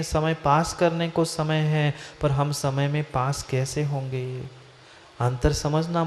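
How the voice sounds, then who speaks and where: Male monk preaching, slow and questioning, repeats for emphasis; faint room hum in a long-reverb hall. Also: fairly high pitch. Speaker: Jain monk giving a discourse. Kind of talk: sermon.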